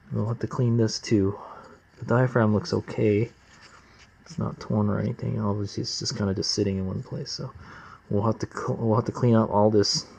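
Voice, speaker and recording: A man talking casually and plainly like a gruff home mechanic while working at his bench, with slangy, unpolished asides. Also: lowish voice, mellow. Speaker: amateur motorcycle mechanic, vlog host. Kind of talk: casual hands-on workshop narration. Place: workbench, close to the camera. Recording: slightly dull, lo-fi camera audio.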